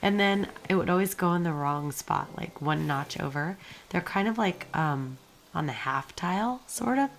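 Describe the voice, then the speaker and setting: A woman with a raspy, hoarse smoker's voice, worn from being sick, giving casual, rambling gameplay commentary in an informal way. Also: lowish voice, expressive, moderate pace, slight background noise. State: hoarse from a recent illness. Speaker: video creator narrating game footage.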